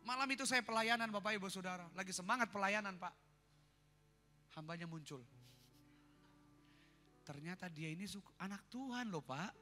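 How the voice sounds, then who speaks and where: A man with an Indonesian accent preaching a sermon, telling a story to his congregation in a lively way. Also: high-pitched, normal speed, long pauses. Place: church hall. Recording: reverberant church hall with music.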